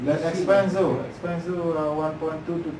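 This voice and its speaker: Malaysian man, Manglish-speaking meeting questioner, slightly high voice, distant mic with faint noise. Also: little pitch movement, moderate pace, reverberant. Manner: Manglish-style English mixed with Malay. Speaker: questioner at a mock company meeting. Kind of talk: informal meeting discussion. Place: indoor room, far from the mic.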